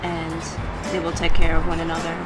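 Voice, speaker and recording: A woman's voice: low-pitched, monotone, fairly quick, rough recording. Friendly woman host from Portugal. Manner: friendly, with short affirming replies. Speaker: host interviewer. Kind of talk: casual interview chat. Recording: very loud background music.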